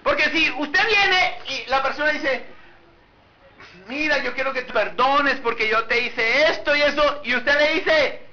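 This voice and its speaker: High, animated bright-voiced preacher. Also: male voice, a little slow. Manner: animated preaching, rhetorical questions to the congregation. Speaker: pastor. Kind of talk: sermon. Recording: muffled recording with faint background noise.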